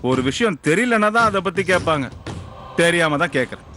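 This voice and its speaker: A man's voice: on the high side, lively intonation, fairly quick, sharp tone, soft background music. A man playing a cocky husband in a TV serial, answering a threat with sarcasm and mocking laughs. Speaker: character in a TV serial. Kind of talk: TV serial acting. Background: dramatic background score.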